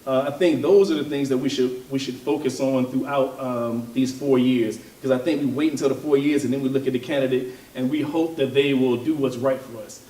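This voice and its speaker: A man giving an informal religious and political talk, thoughtful and hesitant, often pausing with fillers and restarting his sentences. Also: mid-range voice, fairly even intonation, warm tone. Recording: roomy, from a distance.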